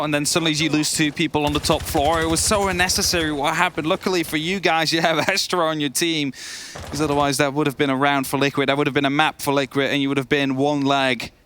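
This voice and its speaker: A man commentating as an esports caster in a bright, slightly high voice. His analysis is conversational and opinionated, with faint noise behind him. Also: steady tone, fast.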